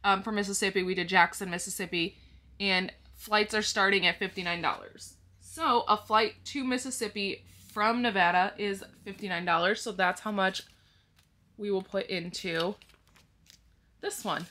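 A woman's voice: mid-range voice, fairly even intonation, moderate pace, sharp tone. A woman vlogging about her budget, explaining each step to viewers in a casual way and counting money aloud as she goes. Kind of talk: casual talk-through to the viewers.

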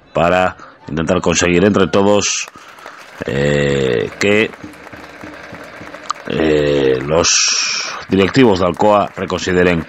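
Low-voiced man narrating match highlights. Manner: steady, explanatory narration. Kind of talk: scripted voice-over narration.

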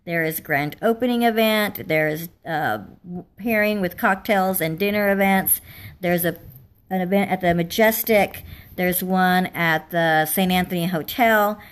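A woman hosting a casual livestream from home, her voice slightly raspy as she is losing it, chatting with fillers. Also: fairly low pitch. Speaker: livestream host. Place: home, indoors.

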